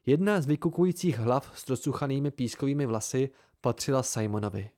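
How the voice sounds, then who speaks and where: A man reading a novel aloud in the first person with a measured, even delivery, recorded at home close to the mic. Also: mid-range voice. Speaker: amateur audiobook reader. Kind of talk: first-person audiobook narration.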